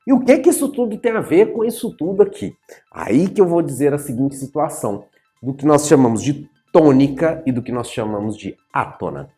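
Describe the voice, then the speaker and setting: A male teacher giving an animated writing and grammar lesson at a whiteboard, playfully addressing his students and stretching out key words as he explains. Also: fairly high pitch, fairly quick, soft background music. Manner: animated, playfully addresses viewers as "senhores, senhoras e senhoritos". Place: in front of a whiteboard.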